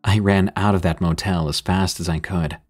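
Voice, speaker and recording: A man narrating first-person horror stories in a steady, measured way. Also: sits low, slightly rough. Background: faint music.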